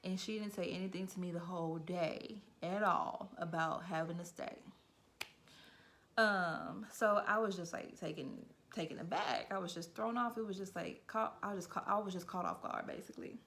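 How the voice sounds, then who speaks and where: A woman's voice: lowish voice, fairly even intonation, normal speed, a bit bright. A young adult woman vlogger telling a casual storytime, chatty and filler-heavy, with a frequent "like".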